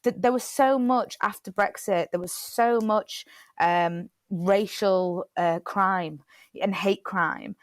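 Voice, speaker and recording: A young British woman, talking loosely and warmly about her plays as a guest. Her voice sits at an ordinary middle pitch, and she rambles with many fillers and restarts. The recording is dry, with no room echo. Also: fairly even intonation, takes it slowly. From Britain. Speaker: playwright and theatre director. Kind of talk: casual chat.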